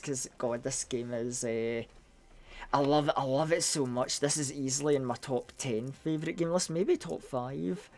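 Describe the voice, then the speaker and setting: Live on stream, a Scotsman chats casually through his game, cursing freely with excitable energy. At a mid-level pitch, he keeps tripping over and repeating words as his thoughts rush ahead.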